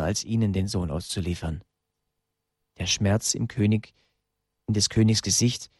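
A man narrating a story slowly and emotively, with dramatic pauses. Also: lowish voice, creaky, a little mellow, husky, no echo, clean studio sound.

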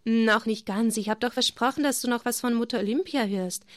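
A woman teaching children about faith and reading them a story, gentle and often dropping to a whisper. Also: fairly high pitch, a little fast, dry recording. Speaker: catechist for children. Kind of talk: children's religious instruction and storytelling.

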